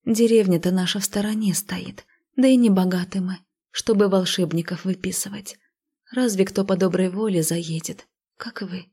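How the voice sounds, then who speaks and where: A woman voicing a listless, melancholy fifteen-year-old village girl who speaks flatly and half in a whisper, in a storybook reading. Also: medium pitch, normal speed, breathy edge, lightly acted. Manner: flat, emotionless, half-whispered.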